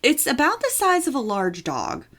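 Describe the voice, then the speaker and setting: A woman's voice: sits high, wildly swooping pitch, normal speed, fairly bright tone. Playful woman telling a podcast story. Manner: chatty, playful storytelling with asides and laughs. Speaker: podcast co-host. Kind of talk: casual podcast chat.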